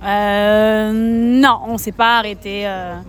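A woman's voice: medium pitch, flat delivery, slow. A woman from France, a volunteer, answering a street interview outdoors in an earnest way.

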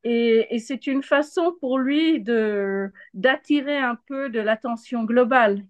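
An Argentine-raised woman answers questions as an interviewed journalist offering live analysis, recorded in a dry, close sound with no echo and the highs cut off. Her fairly high voice moves at a slow pace as she hesitates in search of words and doubles them for emphasis.

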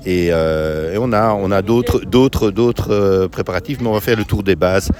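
Casting: middle-aged Belgian man, low and halting, outdoor interview. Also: darkish tone. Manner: halting, many restarts. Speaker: volunteer. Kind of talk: street interview. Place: outdoors at an evening barbecue.

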